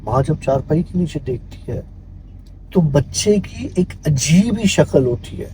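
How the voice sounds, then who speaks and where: A male storyteller recounts a horror tale in an unhurried, conversational manner, often sinking to a hush. His voice is mellow and dark though pitched slightly high. A faint hum of background noise runs behind him. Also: expressive, low-quality recording. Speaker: guest storyteller.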